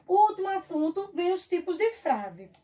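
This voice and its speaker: Brazilian woman teacher, high and soft-toned, patient review lesson for kids. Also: big pitch swings. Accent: Brazilian Portuguese. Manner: patient, drawn-out examples, frequent check-ins with the class. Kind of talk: recorded review lesson for children.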